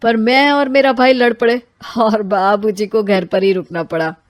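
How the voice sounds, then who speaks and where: A woman voicing a grown son who speaks softly and reflectively. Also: fairly high pitch, steady tone, normal speed, natural voice. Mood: wistful. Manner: soft, reflective. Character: wistful grown son remembering his father.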